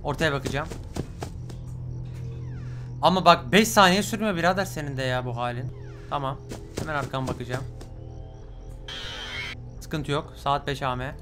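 A young man commenting on a horror game as he plays, swearing often, muttering quietly in tense moments and shouting when startled. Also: mid-range voice, moderate pace, long pauses. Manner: swears a lot, hushed when tense, bursts loud. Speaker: gaming YouTuber. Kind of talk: let's play commentary. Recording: music behind voice.

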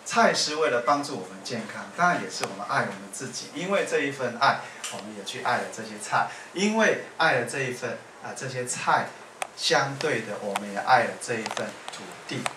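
A man from Yilan, Taiwan, with a Taiwanese accent, talking to an audience between songs in warm, repetitive, build-up phrases with small laughs. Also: mid-range voice, animated, a little fast. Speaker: singer and speaker. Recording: echoey room, far from mic, faint noise.

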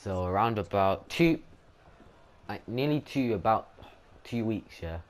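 A man giving casual, rambling gameplay commentary with excitable bursts and some swearing. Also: fairly low pitch, a little slow. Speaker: gaming YouTuber.

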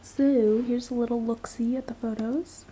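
On poor audio with a crowd audible behind her, a fairly high-pitched woman speaks in a steady tone at a moderate pace. She's a young Canadian vlogger nursing a cold, rambling chattily and quietly at night to a handheld camera at arm's length. The casual daily vlog moves between her bedroom, car and living room.

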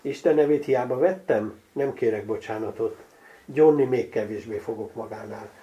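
A man doing a mocking, sharp-tongued noblewoman. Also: medium pitch, muffled recording, natural voice. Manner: mocking, brisk, teasing. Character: sharp-tongued noblewoman teasing a shy priest.

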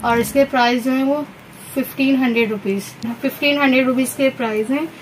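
A fast-talking woman with a high voice, fairly even intonation, and a Pakistani accent showcases wholesale garments in a fabric-crammed shop. She pitches casually, repeating herself and using English words, on poor handheld phone audio with background noise plainly heard.

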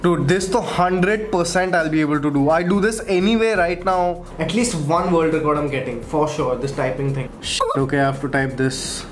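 Excitable young man hosting a vlog. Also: a little high, normal speed, slight background noise. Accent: Indian English. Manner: excitable, jokey, breaks into yelps. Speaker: host. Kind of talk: comedic casual vlog.

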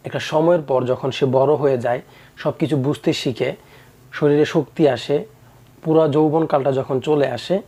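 A man's voice: mid-range voice, warm tone. A young man earnestly telling a moral story about parents and children, in a preachy tone with repeated lessons. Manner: earnest, preachy, with acted quotes.

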